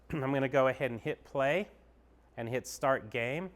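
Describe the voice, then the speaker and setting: A golf pro with a medium-pitched, slightly slow voice gives a casual, upbeat tour of an indoor golf simulator bay. He clicks through each screen and explains it along the way.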